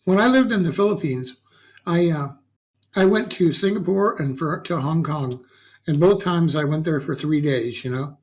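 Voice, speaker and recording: Gravelly-voiced man hosting a chat show. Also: a little high, normal speed, poor audio. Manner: folksy, tags lines with "okay?" and "yeah". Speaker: talk show host. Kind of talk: casual interview chat.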